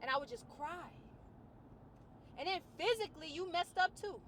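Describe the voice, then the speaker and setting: A fitness trainer and vlogger, a woman ranting to camera in a colloquial, outspoken way, swinging between loud outbursts and low, quiet musing. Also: expressive, moderate pace, slight background noise. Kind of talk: personal rant to camera.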